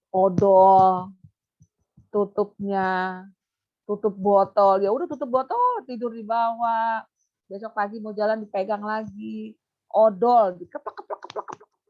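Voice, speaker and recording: A woman consultant and behaviour therapist giving an animated webinar talk, now and then putting on a high coaxing voice to show how to talk to a child. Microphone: webinar computer mic. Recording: muffled online webinar audio.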